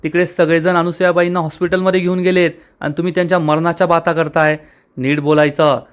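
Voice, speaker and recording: A man's voice: on the high side, level tone, fast talker, clear, resonant tone, natural voice. A man voicing an indignant young woman in a storybook retelling, speaking firmly and reproachfully. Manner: firm, reproachful. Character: indignant young woman defending her family.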